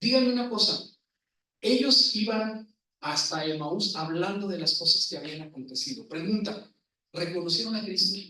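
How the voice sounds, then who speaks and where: A man's voice: sits high, bright, forceful tone. A man preaching a sermon in a church, often asking the congregation questions. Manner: asks the congregation questions, slow emphatic phrasing. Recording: echoey room, voice from far off.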